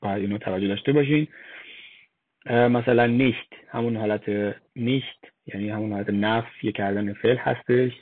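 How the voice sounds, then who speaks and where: A man teaching German pronunciation slide by slide, explaining slowly and spelling out vowels one by one with hesitant fillers. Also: lowish voice. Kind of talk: slide-based language lesson. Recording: dry, phone-like lo-fi voice-over.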